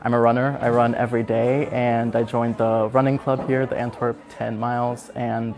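A man's voice: mid-range voice, level tone, moderate pace, a little mellow, faint music behind. A young man from the United States, a student giving short matter-of-fact interview answers indoors. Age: young adult. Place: indoors in a building with large windows.

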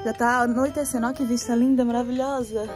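Bubbly high-voiced woman vlogger. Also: flat delivery, quick pace, a little mellow, faint music behind. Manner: bubbly, coos and baby-talks at pets. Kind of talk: casual vlog chat.

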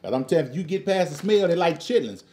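Mellow guy doing a jokey chip review at home, laid back casual chat. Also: a little high, animated, fast, a little hiss or hum. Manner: joking, playful, chuckles as talking. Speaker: snack review host. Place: living room at home, indoors.

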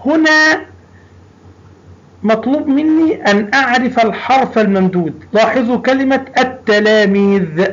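A man's voice: extremely high pitch, normal speed, fairly bright tone. A man teaching a primary school language lesson, patiently drawing out sounds and repeating words for young pupils. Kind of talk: recorded classroom lesson. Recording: dull lo-fi recording.

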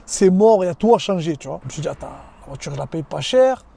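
A man in his thirties telling a casual vlog story from inside his car, lively and slangy, talking straight to the viewer. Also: a little high, fast, creaky, breathy edge. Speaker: vlogger.

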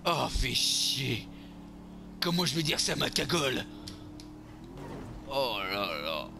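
Un homme jouant un beauf marseillais bourru. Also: male voice, medium pitch, big pitch swings, slow pace, creaky, music in the background, full character voice. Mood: grumbling. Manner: crude, vulgar grumbling, talking to himself while playing. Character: boorish drunk beer-loving lout, man, crude and brash. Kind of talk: game role-play commentary.

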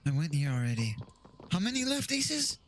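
A man's voice: fairly high pitch, huge pitch swings, moderate pace, slight background noise. A man live-streaming a horror game, yelping at scares, laughing, and chatting to his viewers, a little out of breath. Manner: jumpy, yelps and laughs at scares, chats to viewers. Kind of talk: casual live-stream gaming chat.

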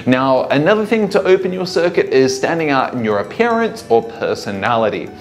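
A man's voice: medium pitch, big pitch swings, a little fast, soft background music. A man in his thirties giving an upbeat sales training lesson to camera, acting out sample greetings, recorded on a lapel mic in a small living room. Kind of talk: instructional talk to camera.

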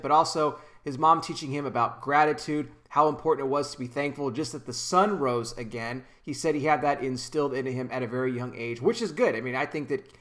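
A man's voice: on the high side, a bit bright. A man in his thirties hosting a casual commentary vlog from a small room at home, talking earnestly into a desk microphone with frequent restarts. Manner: earnest, talks with hand gestures, frequent restarts. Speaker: commentary channel host. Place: small indoor room with kitchen behind. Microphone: desk microphone in front of him.

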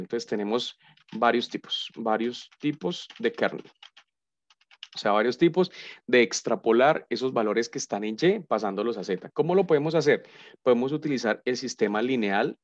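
A man's voice: mid-range voice, dry recording. A man giving a casual live coding lesson as a university lecturer, thinking aloud and humming as he types. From Colombia. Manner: chatty, thinks aloud, hums nonsense while typing. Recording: dull lo-fi sound, dry.

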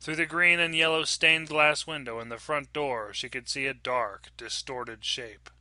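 Bright-voiced man narrating a horror story. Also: a little high, fairly even intonation, unhurried, smooth, no echo. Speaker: audiobook reader.

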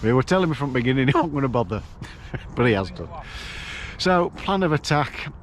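A man's voice: medium pitch, very animated, a little fast, a little hiss or hum. A middle-aged man, talking casually to camera outdoors beside a lake, chatting through his plans. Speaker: angler vlogger.

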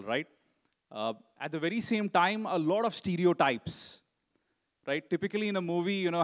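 A middle-aged man's conference talk has a conversational feel, with "you know" filling his pauses and "right?" tagged onto many sentences. His pitch is fairly high.

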